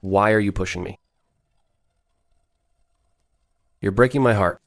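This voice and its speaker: A man's voice: on the low side, fast, no echo, clean studio sound, close to an everyday voice. A man playing a provocative, protective designer in an English-dubbed drama, teasing and assured. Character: smooth-talking, provocative male designer, protective senior colleague.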